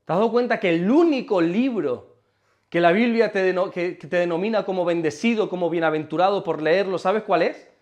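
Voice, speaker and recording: A man's voice: sits high, a little fast, a little mellow. A man preaching a sermon as pastor, emphatic and questioning the congregation. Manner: emphatic, asks the congregation questions, repeats words when stumbling.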